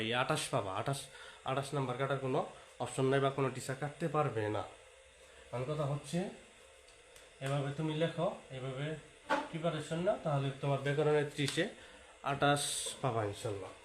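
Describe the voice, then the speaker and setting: A man giving an exam-prep lecture to students, repeating key points and mixing in English words. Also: medium pitch. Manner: repetitive, talks straight to students, sprinkles English words. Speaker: teacher. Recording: echoey room with faint hiss.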